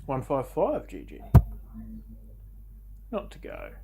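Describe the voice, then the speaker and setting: A man's voice: mid-range voice, wildly swooping pitch, takes it slowly, gravelly. A man giving conversational live commentary on a darts match. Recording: loud background noise with clicks. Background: noisy darts venue.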